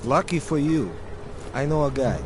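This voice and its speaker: Against clear street and vehicle noise, a man plays a smug, corrupt video game policeman. His deadpan threats and officious patter move through a lively range of pitch. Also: moderate pace, natural voice. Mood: slick, coaxing. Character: corrupt, menacing male checkpoint policeman, smugly officious. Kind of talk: video game character dialogue. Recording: noisy outdoor urban street with vehicles.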